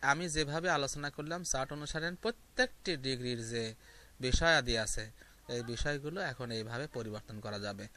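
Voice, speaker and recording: Male tutor, patient step-by-step explainer with fillers, bright tone. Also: medium pitch, moderate pace. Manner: step-by-step explaining with frequent fillers and repeated examples. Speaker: English grammar teacher. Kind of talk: explaining grammar lesson to viewers.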